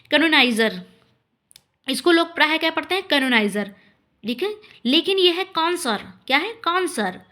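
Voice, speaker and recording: High bright-voiced woman teaching spellings. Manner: spells words out letter by letter, stresses key words slowly; repeats "ठीक है" and "अब देखिए" as fillers. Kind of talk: spelling and vocabulary lesson.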